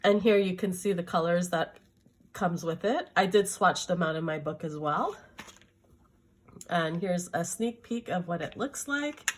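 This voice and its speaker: A woman's voice: fairly low pitch, a little slow. A middle-aged woman from Canada with a sore throat, chatting enthusiastically about her art supplies in a casual video. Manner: chatty, enthusiastic, self-correcting. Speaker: art vlogger.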